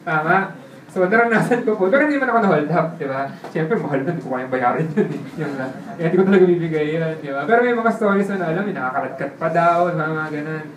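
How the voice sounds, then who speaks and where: A man telling his life story in a casual way, laughing often and checking in with the listener through quick tag questions. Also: a little high, expressive, a little hiss or hum. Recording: roomy sound from a distant mic with faint ambience.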